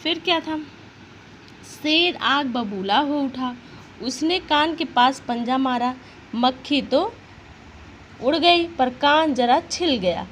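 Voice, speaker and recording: High-voiced woman teacher explaining a story. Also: slow, long pauses, a bit bright, a little hiss or hum, low-quality recording. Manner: explains words simply, checks in with "ठीक है?". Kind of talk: reading and explaining a children's story.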